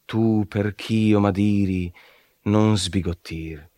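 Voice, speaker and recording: A man voicing a wise elder poet who guides a traveler, speaking in a measured, solemn and reassuring way, in a dramatic poetry reading. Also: fairly low pitch, steady tone, warm tone, no room sound, studio quality.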